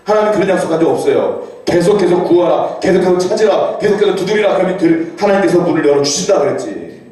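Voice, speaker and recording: A man preaching a sermon as pastor, animated, reading scripture aloud and rising to cries for emphasis. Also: high voice, quick pace. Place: church sanctuary. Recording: very echoey church hall, voice from far off.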